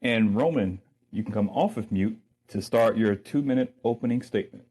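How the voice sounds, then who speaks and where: A man's voice: fairly low pitch, moderate pace, warm tone, slightly rough. A man hosting and moderating a sports debate show, easygoing and full of ums. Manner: easygoing, filler-heavy moderator.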